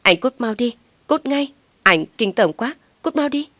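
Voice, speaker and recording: A woman voicing a young mistress who snaps at her lover with sharp, scornful scolding in an audio story. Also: mid-range voice, expressive, a little fast, no room sound. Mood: furious.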